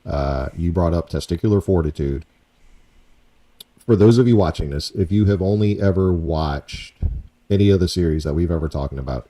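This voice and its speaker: A man's voice: low-pitched, mellow. A man hosting a podcast in a casual, rambling way, often repeating himself. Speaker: podcast host. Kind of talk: casual chat.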